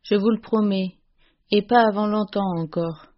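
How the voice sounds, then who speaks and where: A fierce old servant woman scolds loudly, domineering and stubborn, as a woman reader puts her on. Her voice pushes higher and louder than the reader's own, with a middling pitch underneath. The storybook recording sounds dull and lo-fi. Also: fairly even intonation, moderate pace, lightly acted. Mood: indignant. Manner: loud, scolding outbursts.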